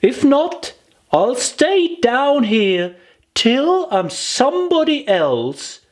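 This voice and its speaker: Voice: sits high, very animated, very slow, pitched above the performer's own voice, heavily acted. A storybook narrator voicing a forlorn, earnest little girl, plaintive and self-pitying in a children's tale.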